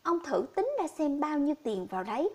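Woman reading as a sorrowful old villager, pleading, high-voiced. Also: sing-song, brisk, a little mellow. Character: poor grieving old man villager.

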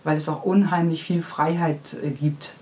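The interviewed children's book writer talks at a normal speed in a low, steady and somewhat mellow voice, answering off the cuff. Slight background noise can be heard.

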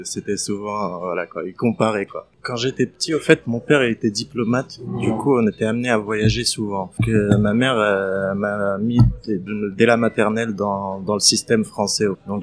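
A man's voice: lowish voice, slight background noise. A man in his thirties from Palestine, telling his life story as an interview guest, hesitant with many fillers and restarts. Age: 30s. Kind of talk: casual interview testimony.

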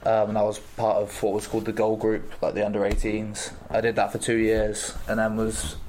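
A young man in his twenties speaks in a low, level voice with little rise and fall. He answers interview questions haltingly, pausing and filling gaps as he goes. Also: completely flat delivery, darkish tone, slight background noise. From England. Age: 20s. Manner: halting, with many pauses and fillers. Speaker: rugby player guest.

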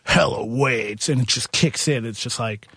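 A man's voice: mid-range voice, fairly quick, a bit bright, slightly rough, no echo, studio quality. Casual man telling stories. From Queens, New York. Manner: informal, conversational storyteller slipping into quoted dialogue. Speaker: bar and music venue owner, interview guest. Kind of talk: casual interview storytelling.

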